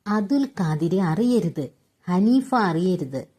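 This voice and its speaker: A woman reading aloud and voicing a bossy, secretive elderly mother who talks in an urgent hush. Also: fairly low pitch, animated, slow, breathy edge, heavily acted. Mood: hushed, insistent. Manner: hushed, urgent pleading.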